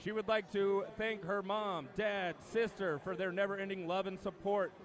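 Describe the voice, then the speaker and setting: Man, swim meet announcer, higher voice, measured emphatic delivery, dry asides. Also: steady tone, slight background noise. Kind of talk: public address announcement.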